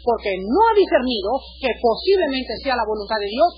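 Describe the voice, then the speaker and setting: A male pastor with a Mexican accent delivers a sermon in a notably high voice. He is animated, dropping joking asides between serious points. The recording sounds dull and lo-fi. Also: fairly quick, a little hiss or hum. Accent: Mexican Spanish.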